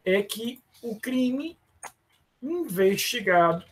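Husky Brazilian man giving a law lecture. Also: high voice, expressive. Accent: Brazilian Portuguese. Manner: addresses students by name, many fillers and restarts; slows down to stress terms. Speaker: law professor. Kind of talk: live online law lecture.

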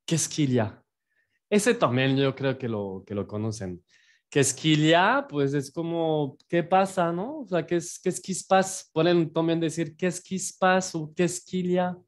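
A man from France, teaching phrases in a patient online lesson and repeating each phrase slowly for learners. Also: on the high side. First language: French. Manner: writes on a board while explaining. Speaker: French teacher.

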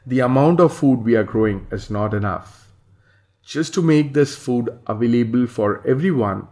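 A man from India talks through a slide presentation on farming, reading the text aloud and stopping now and then to add his own remarks. His voice sits at a middle pitch, and he often hesitates between points. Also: a little mellow. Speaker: farm owner presenting slides.

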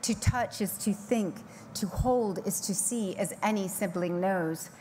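A middle-aged woman speaks from a podium microphone on a large conference stage, reading a scripted keynote in a mid-range voice. Her delivery is measured and poetic, slowing down to lean on key phrases. A faint hiss of background noise sits under the recording. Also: mid-range voice, mellow. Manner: measured, poetic delivery with slow emphatic pauses.

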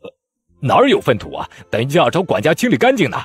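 A man's voice: medium pitch, wildly swooping pitch, a little fast, husky, voice pushed up. A man voicing a lazy, joking young general who turns startled and sheepish. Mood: alarmed.

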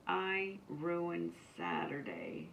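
A woman's voice: fairly low pitch, sing-song, very slow, gravelly, a bit bright, muffled recording, pitched above the performer's own voice, exaggerated voice. A woman reading a storybook aloud, voicing a worried but loving young mother who reassures her daughter and later grows weary and apologetic. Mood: dejected. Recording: distant mic, faint background noise.

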